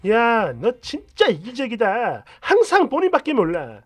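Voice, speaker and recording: A man voicing an indignant young wife in a retold story, sharp and accusing. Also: very high-pitched, wildly swooping pitch, unhurried, no room sound, faint music behind, exaggerated voice.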